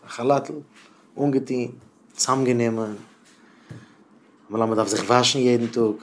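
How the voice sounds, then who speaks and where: A man giving an encouraging talk to teachers as a rabbi. He moves between quiet, low asides and loud, impassioned stretches. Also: fairly even intonation, moderate pace, slight background noise. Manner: swings from low murmurs to loud impassioned bursts. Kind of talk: Yiddish chizuk talk.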